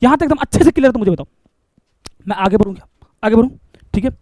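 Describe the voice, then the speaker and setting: A man's voice: very high voice, animated, fast talker, a little mellow, dry recording, clean studio sound. A male biology teacher, lecturing a class and coaxing answers by asking questions and repeating key terms.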